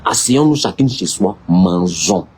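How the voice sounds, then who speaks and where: A man acting out one of Solomon's wives, a calm woman soothing her co-wives in a low, slow voice with an Ivorian French accent. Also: slight background noise.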